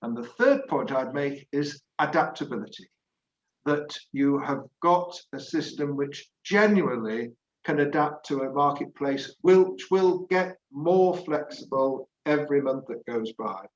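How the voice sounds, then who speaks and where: Man panelist, measured, emphatic, echoey room, dull call sound. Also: on the high side, lively intonation. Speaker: fashion industry expert panelist.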